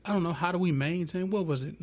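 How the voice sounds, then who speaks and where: A man from a small town in Georgia, US, chats casually and colloquially in a group discussion. His voice is high and fast, with slight background noise.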